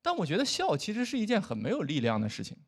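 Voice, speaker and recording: A man in his thirties hosting a stand-up comedy show, talking in a playful, animated way into a stage microphone before a live audience. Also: sits high, fast talker.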